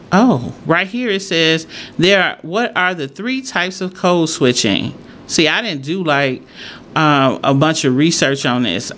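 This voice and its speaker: A woman with a low-pitched, slightly bright voice hosts solo, chatting casually to her followers. She thinks aloud and repeats her points for emphasis, with clear background noise and room ambience in the recording.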